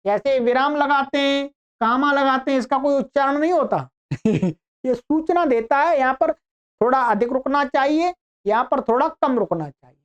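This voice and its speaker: A woman teaching Sanskrit grammar online, explaining patiently step by step and drawing out example words slowly. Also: sits high, expressive. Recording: dull lo-fi recording.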